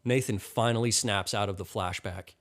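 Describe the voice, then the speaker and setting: A man reading a crude comedy story as scripted narration, deadpan. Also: on the low side, moderate pace.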